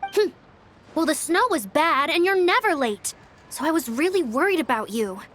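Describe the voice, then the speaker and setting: An actress voicing an earnest young woman, a caring younger sister who talks brightly and chattily. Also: high voice, lively intonation, moderate pace. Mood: reproachful.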